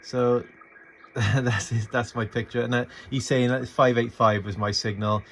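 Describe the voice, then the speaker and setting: Speaking a little slowly at a medium pitch with a steady tone, this amateur radio hobbyist makes an informal tutorial video. Holding a phone to film his setup, he hesitantly thinks out loud through an unscripted walkthrough of his screen and gear. The audio is a noisy amateur phone capture.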